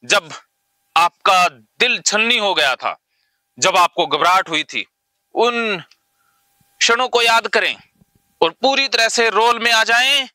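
A man with a high, very bright voice, working as a psychologist who guides a client through a therapy exercise. He gives orders urgently and keeps calling out encouragement. The tone is piercing and forceful. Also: lively intonation, takes it slowly, pauses often, no echo. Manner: urgent, commanding, repeatedly shouting encouragement.

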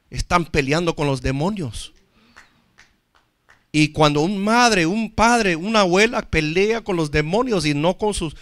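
A male pastor preaches with emphasis, swinging from loud to hushed and calling on the congregation to respond. His voice is high and bright. The sound is dry and close. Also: no room sound. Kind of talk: sermon.

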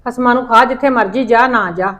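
A woman's voice: on the high side, brisk, lightly acted. A woman with a Punjabi accent playing a bitter, scolding middle-aged mother in a family drama. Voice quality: sharp, scolding, complaining. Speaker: mother-in-law.

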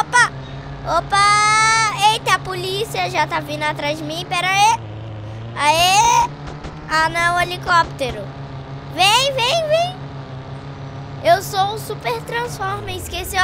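A Brazilian woman hosting gameplay commentary in an excitable, exclaiming, panicking manner. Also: very high voice, very noisy. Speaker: gaming channel host.

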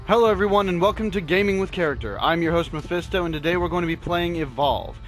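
A man's voice: sits high, quick pace. A man hosting a gaming video, chatting casually and explaining the rules as he plays. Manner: chatty, explains game rules while playing. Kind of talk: casual gameplay commentary. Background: game music.

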